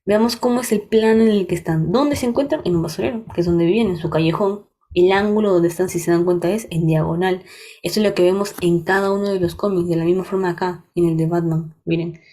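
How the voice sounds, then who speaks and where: A young adult woman with a Peruvian Spanish accent leads a workshop lecture in a lowish, dark voice. She walks through the material step by step, frequently checking that her listeners are keeping up.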